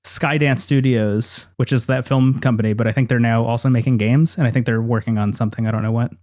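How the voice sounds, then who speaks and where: A man's voice: medium pitch, steady tone, fairly quick, a little mellow. A man co-hosting a casual podcast chat about games, rambling enthusiastically with many fillers while losing his voice. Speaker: podcast co-host.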